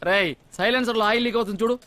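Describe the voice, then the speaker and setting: A man's voice: high voice, very fast, bright, forceful tone. An actor dubbing a know-it-all male sidekick who is bossy and mocking and rattles off comic lists, in a dubbed film comedy scene.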